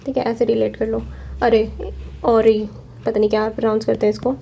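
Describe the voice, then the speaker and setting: A young woman with an Indian accent teaching vocabulary for exam preparation, explaining each word slowly and checking in often. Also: fairly high pitch, little pitch movement, vocal fry, dark tone, breathy edge. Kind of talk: exam-prep vocabulary lesson. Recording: faint background noise.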